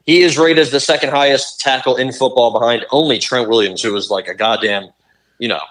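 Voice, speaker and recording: A man's voice: mid-range voice, fairly even intonation, fairly quick, a bit bright, rough recording. A young man co-hosting a casual sports podcast, talking bluntly and profanely in long rants. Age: young adult. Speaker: podcast co-host.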